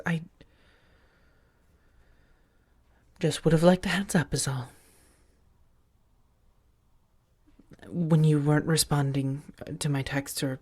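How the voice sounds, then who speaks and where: A woman voices a female vampire roommate who is protective and affectionate, whispering breathily through a soft ASMR roleplay. Her voice sits low, and her halting, earnest delivery comes across as defensive and worried.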